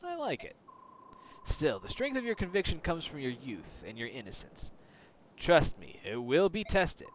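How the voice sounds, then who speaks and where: A man voicing a calm, cryptic older sea captain, speaking in a measured, formal way with a loosely improvised accent. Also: fairly high pitch, slight background noise. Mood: solemn. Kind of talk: reading game dialogue aloud.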